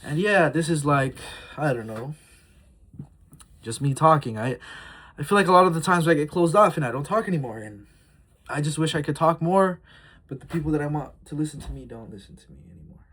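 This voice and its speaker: A vlogger in his early twenties, aged twenty-one, speaks fairly quickly in a fairly high, animated voice with a fairly bright tone and a breathy edge. He rambles candidly into his phone camera, confessional and heartfelt, with frequent fillers.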